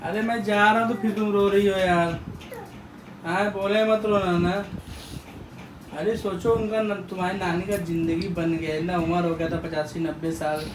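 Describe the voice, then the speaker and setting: A man filming a casual family vlog at home on his phone, consoling his family and talking gently to his small child. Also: high-pitched, flat delivery, normal speed, background noise. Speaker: vlogger, father. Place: home, indoors. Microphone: handheld phone.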